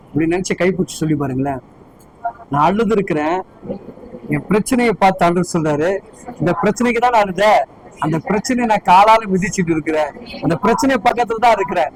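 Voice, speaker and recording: A man's voice: high-pitched, a little fast, slight background noise, low-quality recording. A man preaching a sermon as pastor, fervently firing repeated questions at his congregation.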